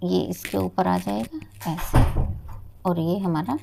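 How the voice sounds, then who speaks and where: A woman's voice: lowish voice, slow, vocal fry, noisy background. A woman patiently giving a step-by-step knitting tutorial, explaining each stitch and speaking directly to her viewers as friends. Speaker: knitting teacher.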